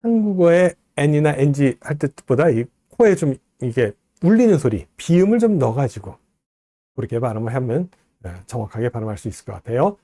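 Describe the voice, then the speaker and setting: A man giving a recorded lecture, explaining step by step and slowly modeling pronunciations. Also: mid-range voice, sing-song, dark tone, no echo.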